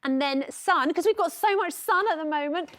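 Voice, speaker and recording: A woman's voice: sits high, normal speed, very noisy. A woman presenting the weather on a London evening news show, bubbly and laughing often as she chats with the anchor. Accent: London English. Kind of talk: lively news studio chat and field report.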